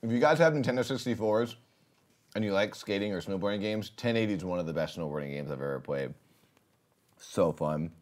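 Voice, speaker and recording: A man's voice: sits low, a little fast. A man casually chatting with his viewers while playing a game on a livestream, rambling and laughing often. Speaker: streamer.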